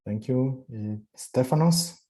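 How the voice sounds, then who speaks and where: A man's voice: medium pitch, slow pace, dark tone. A man moderating an online seminar over a video call, speaking hesitantly with many fillers.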